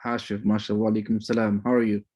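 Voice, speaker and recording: A man's voice: fairly low pitch, level tone, very fast, a little mellow. Chatty man greeting an online class. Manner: chatty, rambling, sprinkles religious phrases. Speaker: course instructor.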